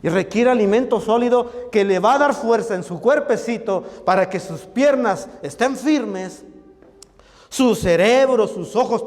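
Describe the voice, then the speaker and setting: A man's voice: high-pitched, darkish tone. A male pastor with a Mexican Spanish accent, preaching a sermon and calling his listeners brothers. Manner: preaching, addresses the congregation as hermanos. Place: church hall. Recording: long church reverb.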